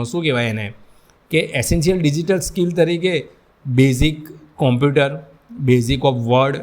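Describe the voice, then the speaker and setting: Man, vocational instructor, classroom lecture, slightly high voice, talks straight to students. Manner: explains mixing English terms into speech; addresses students directly.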